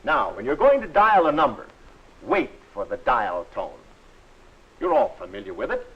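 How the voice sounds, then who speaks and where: A man narrating a 1940s instructional film in a friendly, instructive and measured way. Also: mid-range voice, wildly swooping pitch, slightly rough. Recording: dull old film soundtrack.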